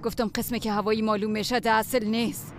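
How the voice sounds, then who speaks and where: A woman's voice: on the high side, level tone, a little hiss or hum, lightly acted. An actress with a Tajik accent playing a bitter mother who complains about her daughter-in-law. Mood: scornful. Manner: scornful, complaining.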